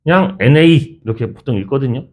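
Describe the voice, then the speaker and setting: A man's voice: medium pitch, lively intonation, quick pace, darkish tone. A male math teacher in his thirties, lecturing a class in a chatty, teasing way. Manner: chatty, teasing, switches between formal and casual speech.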